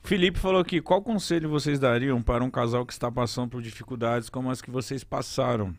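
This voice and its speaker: A young man co-hosts a podcast and jumps in with quick, slangy remarks. He talks fast in a mid-range voice, and the recording is close and dry. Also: medium pitch, no room sound. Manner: slangy, short interjections. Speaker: podcast co-host. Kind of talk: casual chat.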